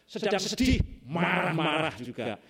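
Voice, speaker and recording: Male preacher, slightly high voice, very animated delivery, keeps asking the congregation questions. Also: measured pace, slightly rough. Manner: rhetorical questions to the congregation with frequent "ya"; animated, sudden loud emphatic rises. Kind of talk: sermon.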